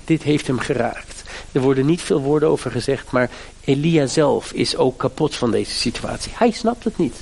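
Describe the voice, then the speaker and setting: A man's voice: medium pitch, vocal fry, a little mellow. A middle-aged man preaching a sermon, with fervent, emphatic appeals to his listeners. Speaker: pastor.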